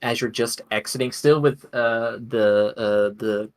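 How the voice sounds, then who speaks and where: A man's voice: medium pitch, steady tone, a little slow. A man narrating a tabletop game as game master, chatty, with frequent laughs and many fillers.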